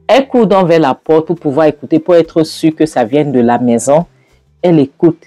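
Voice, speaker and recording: Storyteller narrating a movie scene by scene, lots of ums, mid pitch. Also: moderate pace, dark tone, dry recording, faint music behind. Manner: hesitant, with fillers and acted quotes. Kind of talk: retelling a film scene by scene.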